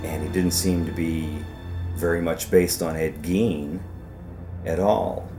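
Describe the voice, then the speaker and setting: Deep-voiced man explaining calmly. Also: slow, over music. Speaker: documentary interviewee. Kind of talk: measured documentary interview.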